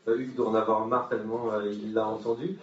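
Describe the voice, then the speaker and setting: A man's voice: fairly low pitch, little pitch movement, fast talker. A man giving a talk at a forum, telling an anecdote with humor and many hesitations. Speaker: speaker at a forum. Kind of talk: conference talk. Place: conference hall with audience. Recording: far-off echoey hall, dull sound.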